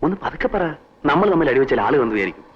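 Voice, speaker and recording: A coaxing, eager young suitor. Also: male voice, medium pitch, sing-song, rapid-fire, husky. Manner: pleading, coaxing. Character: eager young man courting a reluctant woman. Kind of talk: 1980s film dialogue. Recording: dull old film soundtrack with music.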